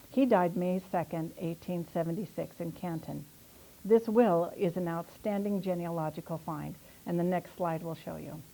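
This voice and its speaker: Middle-aged woman author, chatty lecturer, low gravelly voice. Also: mellow, low-quality recording. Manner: chatty, storytelling, answers audience questions. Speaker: author giving a local history talk. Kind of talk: casual public lecture. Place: historical society meeting room.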